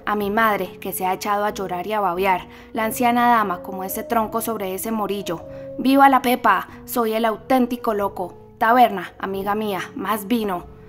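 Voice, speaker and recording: A woman voicing a rowdy, boastful young male student rogue in armor for an audiobook, shouting with drunken bravado. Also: medium pitch, fairly even intonation, moderate pace, faint music behind, close to an everyday voice. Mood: boisterous.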